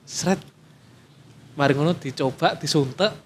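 A man's voice: on the high side, lively intonation, normal speed, a bit bright, a little hiss or hum. A man with an East Javanese accent in casual chat, explaining things between jokes and laughter. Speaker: battery factory worker.

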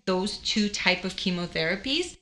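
A woman's voice: medium pitch, moderate pace. A young woman telling a personal story in casual chat, acting out the voices of people she quotes. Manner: animated, acts out quoted voices. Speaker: guest sharing her cancer story.

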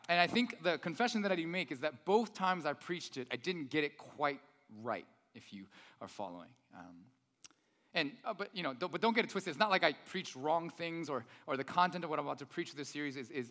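A pastor preaching in a big echoing hall, his voice a touch higher than most men's. He talks in a loose, conversational way, corrects himself mid-sentence and keeps checking in with "right?" The hall's long reverb hangs on every phrase. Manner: chatty, self-correcting, often adds "right?". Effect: big hall echo. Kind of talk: conversational sermon with scripture reading. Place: church hall. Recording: loud voice in an echoey hall.

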